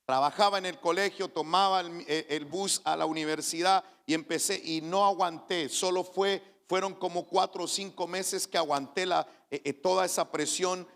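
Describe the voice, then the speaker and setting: A man's voice: high-pitched, a bit bright. A man, a pastor giving an earnest personal testimony in a sermon, often restarting his phrases. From Chile. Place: church. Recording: reverberant church hall.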